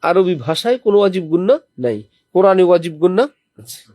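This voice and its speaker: His voice is high and sing-song, a little fast and warm, with no room sound at all. The man delivers a sermon to a few people in lodgings during a holy-city visit, using recited Quranic verses as examples and posing questions to them.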